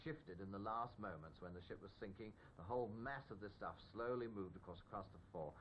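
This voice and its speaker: A man presenting old film footage in an unscripted commentary, explaining things with emphasis and halting pauses. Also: rough recording. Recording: steady background noise with low rumble.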